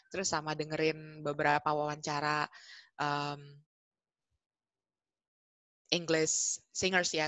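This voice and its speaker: A woman tutor answers questions on a video call in a chatty, animated way. Her voice sits low. The sound is dry, with little room echo. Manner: chatty, animated, self-correcting. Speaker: English tutor. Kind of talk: webinar Q&A answers.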